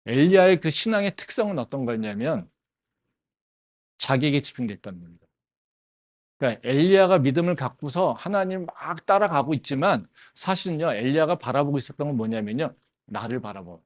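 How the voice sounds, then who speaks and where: A male pastor preaching to a campus congregation, and his voice rises and falls in wide, lively swings. He keeps tossing rhetorical questions to the listeners and fills the gaps with short affirming interjections. He sits at a middle pitch for a man. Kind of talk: sermon. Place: campus church service.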